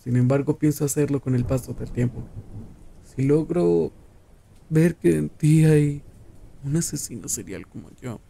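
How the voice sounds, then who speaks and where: A man playing a menacing, possessive serial killer lover in an ASMR roleplay, taunting and condescending in a drawn-out way. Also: a little high, vocal fry, warm tone. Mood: sinister.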